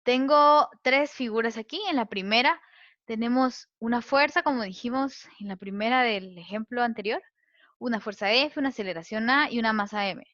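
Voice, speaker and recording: A woman's voice: on the high side, moderate pace, fairly bright tone, dry recording. A woman teaching a physics lesson, explaining step by step and often checking that listeners follow. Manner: patient, checks understanding with a questioning tag. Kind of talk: explaining physics over slides. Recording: muffled lo-fi recording.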